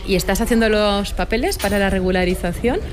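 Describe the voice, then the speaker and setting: A woman's voice: mid-range voice, a little fast, crowd noise. A woman reporter who asks short, friendly questions in an interview.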